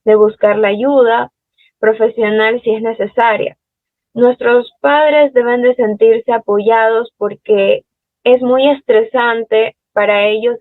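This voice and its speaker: A woman's voice: a little high, dry recording, narrow, tinny audio. A young woman earnestly giving a prepared personal account.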